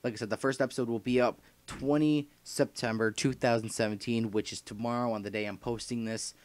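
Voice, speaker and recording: A man's voice: mid-range voice, fairly even intonation, brisk. A young man rambling through a casual vlog announcement, full of fillers and restarts, his throat dry and short of breath. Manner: rambling, repeats himself, many fillers and restarts. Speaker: YouTuber announcing his podcast.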